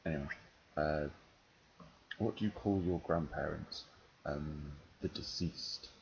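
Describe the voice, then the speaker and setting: Man, softened northern English accent, deep gravelly voice, hesitant deadpan delivery, casual, muffled noisy recording. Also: takes it slowly. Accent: English, London-softened with slight northern touches. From northern England. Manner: hesitant, dry, deadpan humour. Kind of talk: casual answers to an accent questionnaire. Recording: dull, noisy home recording.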